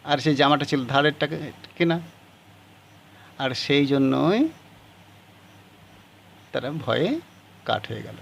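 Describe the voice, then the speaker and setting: A man's voice: mid-range voice, expressive, slow, gravelly, pauses often, a bit bright. A man teaching a class, reading passages of a story aloud and explaining how to write the answers.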